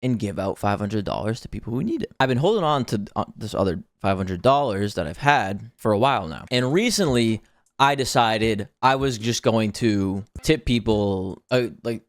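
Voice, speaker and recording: A man's voice: on the low side, animated, moderate pace, dry recording, clean studio sound. A man in his twenties telling a story to a chat in a casual, slangy, conversational way. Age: 20s. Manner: conversational, slangy, acts out quoted dialogue.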